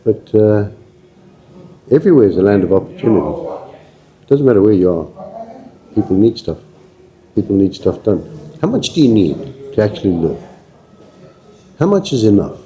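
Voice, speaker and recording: This older shop owner from Zimbabwe talks in a fairly low, sing-song voice at normal speed, pausing often, with a dark tone on a muffled recording. In a casual interview he reflects philosophically, asking rhetorical questions and repeating words in a stammer as his thoughts form.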